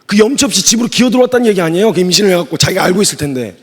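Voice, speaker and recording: Male missionary preacher, high husky voice, lively and joking, acts out lines, big church hall with long reverb. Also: racing. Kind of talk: sermon at a youth retreat.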